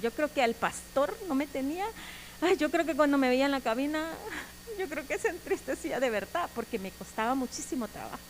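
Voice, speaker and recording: A middle-aged woman, giving an earnest personal testimony sermon in a strong, loud voice. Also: high-pitched, expressive, a little fast, a little hiss or hum, low-quality recording. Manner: strong, loud voice, cannot speak softly; earnest, emotional storytelling. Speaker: preacher.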